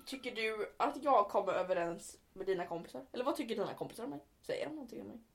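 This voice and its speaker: A young woman chatting casually with her brother, laughing through her stories, swearing offhand and acting out shrill cries when she retells them. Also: animated, vocal fry, noisy background. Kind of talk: casual chat.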